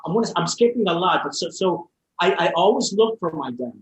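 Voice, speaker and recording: Heartfelt, halting man telling his story. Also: sits high, lively intonation, low-quality recording. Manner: halting, repeats words and restarts often; heartfelt and open. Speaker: interview guest. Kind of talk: personal storytelling in a podcast conversation.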